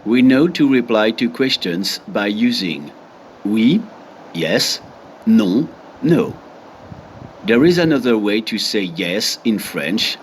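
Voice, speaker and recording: Slow, deliberate man teaching French. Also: lowish voice, animated, a little hiss or hum. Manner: deliberate, reads examples one by one. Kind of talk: textbook lesson reading.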